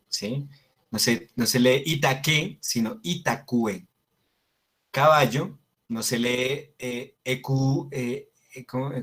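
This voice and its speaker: A man teaching a Latin class over a video call, explaining slowly with many fillers and restarts and checking in with his students. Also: medium pitch, fairly bright tone. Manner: checks in with listeners by asking "sí?". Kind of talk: online class lecture.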